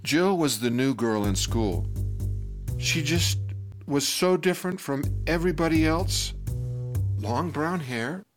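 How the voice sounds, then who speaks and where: An older man tells a personal story in an unhurried, drawn-out way, his pitch swinging widely as he acts out the voices. He laughs along with his own tale, and music plays softly beneath him. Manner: animated, acts out quotes, laughs while telling. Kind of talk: personal story told to an audience.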